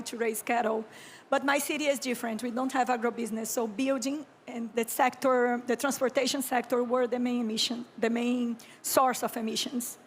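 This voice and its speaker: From a conference stage, a Brazilian woman in her thirties, an architect and urban planner, presents a keynote in English marked by a Brazilian Portuguese accent. Her pitch is high and her manner slow, calm and reflective, with frequent throat-clearing and slight background noise.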